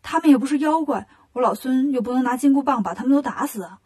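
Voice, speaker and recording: A clever, bossy monkey disciple, as a woman narrator puts him on, confident and scheming as he lays out his plans. The voice is slightly husky. It belongs in a children's storybook. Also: sits high, lively intonation, fast, darkish tone.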